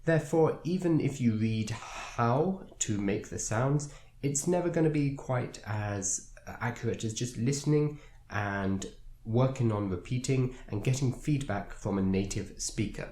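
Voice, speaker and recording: A man teaching an online language lesson, explaining patiently with the odd filler pause. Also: medium pitch, darkish tone. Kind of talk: instructional video narration. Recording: roomy echo.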